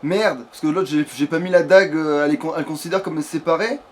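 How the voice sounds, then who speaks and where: Speaking fast in a voice on the high side, a man mutters hesitantly through casual let's play commentary, swearing now and then. There's steady noise in the background.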